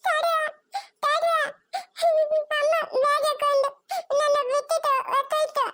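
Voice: very high-pitched, flat delivery, a little slow, no room sound, studio quality, full character voice. A performer voicing a small cartoon boy who whimpers and sobs for his mother. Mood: sobbing. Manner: whimpering, sobbing. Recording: loud hiss behind the voice.

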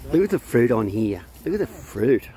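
A man's voice: medium pitch, sing-song, normal speed. Australian man asking chatty questions. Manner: curious, chatty, lots of repeated yeahs. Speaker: vlogger asking questions on a farm tour. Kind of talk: casual chat. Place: outdoors on a farm, then inside a car. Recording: outdoor phone recording with loud background noise.

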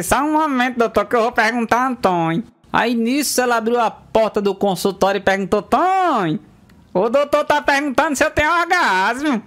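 High-voiced man telling rustic jokes. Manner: lively storyteller, jumps into squeaky character voices. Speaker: comedian. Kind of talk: joke telling.

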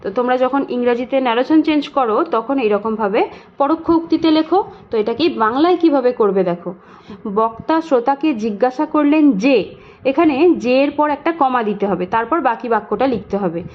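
A high-voiced woman tutor works through a grammar lesson for schoolchildren. She is patient and methodical, asking a question and answering it herself, and she stretches words out slowly to sound out each syllable. The recording is a little dull and lo-fi. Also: animated. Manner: patient, explains step by step with rhetorical questions.

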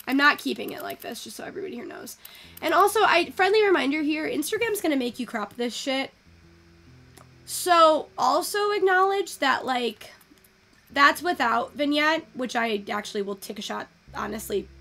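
A young woman chatting casually through a photo-editing tutorial, thinking out loud and swearing now and then. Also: sits high, lively intonation, normal speed, faint music behind. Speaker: virtual photography streamer.

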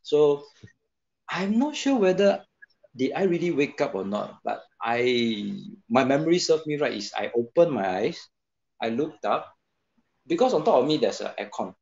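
Man, gravelly, lively pitch, halting with fillers, lo-fi video call sound. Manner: halting, many fillers and restarts. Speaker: guest storyteller. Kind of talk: casual chat on a video call.

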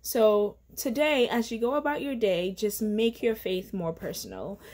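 This young woman, a faith vlogger, sits at home in her living room and gives casual devotional encouragement straight to the camera. Her medium-pitched, darkish voice has lively intonation and an unhurried pace, and her earnest, chatty delivery is full of fillers.

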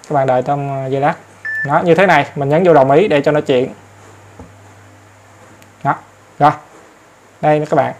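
Guy walking folks thru a phone app, kinda high voice, lots of filler words. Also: darkish tone, a little hiss or hum. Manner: chatty, repeats filler words, addresses viewers often. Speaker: tutorial host. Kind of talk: casual step-by-step phone tutorial. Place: in front of an ATM for part.

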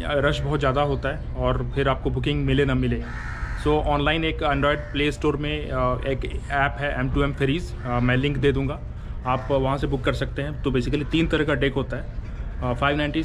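A man's voice: medium pitch, level tone, normal speed, noisy background. A man in his forties, a travel vlogger, explaining a ferry trip step by step, filmed outdoors on a camera held at arm's length. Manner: explains step by step, mixes in English phrases. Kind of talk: casual travel vlog narration. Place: outdoor ferry terminal and car deck.

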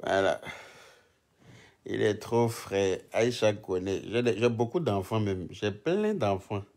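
A man's voice: lowish voice, animated, slow, darkish tone. A man doing casual live-stream commentary, teasing and chatty, often breaking into laughter. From Ivory Coast.

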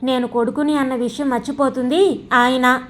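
Using a high, fairly even voice at normal speed that stays close to how she normally sounds, a woman reads the part of a stubborn teenage boy. He's resentful and defiant, answering back sarcastically and sulking.

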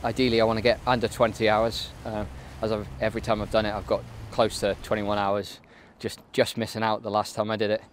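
A man in his thirties answers interview questions outdoors by a lake. His voice sits low and stays flat, and he keeps saying "yeah" between points. Faint outdoor noise is heard behind him. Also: a little fast, hardly any pauses. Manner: flat, matter-of-fact, frequent "yeah". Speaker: army canoe racer being interviewed.

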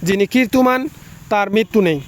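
A young man tutoring students, briskly walking through exam answers one by one. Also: sits high. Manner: brisk, lists answers in quick runs.

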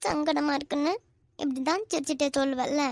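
Woman doing a high-voiced sulky village girl for a cartoon, kanyakumari tamil, curt and snappy, dry close sound. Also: a little fast, darkish tone, no room sound. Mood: scolding. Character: young village girl, sulky and sharp-tongued. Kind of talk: cartoon voice acting.

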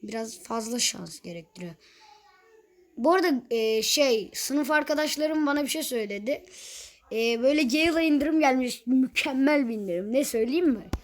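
Chatty young woman narrating her gameplay. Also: on the high side. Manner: chatty, exasperated, teasing. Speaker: gaming youtuber. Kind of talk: casual gameplay commentary.

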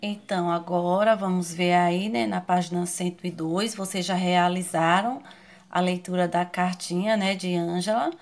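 A Brazilian Portuguese-speaking woman teaching children in an online class, slowly and patiently spelling out syllables and often asking the class questions. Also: lowish voice, fairly even intonation. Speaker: primary school teacher.

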